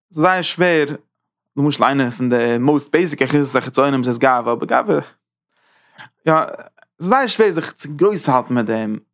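A man teaching a Torah class in a lively lecture style, talking with sudden leaps in pitch.

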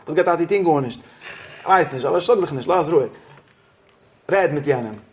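A man's voice: a little high, animated, normal speed, darkish tone, slight background noise. A man teaching an interactive religious study class, questioning his students and slipping into English phrases.

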